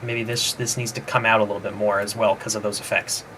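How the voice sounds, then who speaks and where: A man's voice: lowish voice, flat delivery, quick pace, bright, forceful tone, slight background noise. A man developing a game, casually talking himself through playtesting and trailing off mid-thought. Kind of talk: casual think-aloud dev stream. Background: background music.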